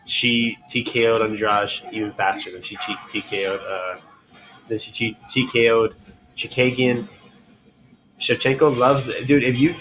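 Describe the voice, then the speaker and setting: A man's voice: mid-range voice, fairly bright tone, poor audio. Man talking fights over faint room noise. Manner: measured, lots of "uh" and "I mean". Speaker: podcast host. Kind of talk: casual fight talk.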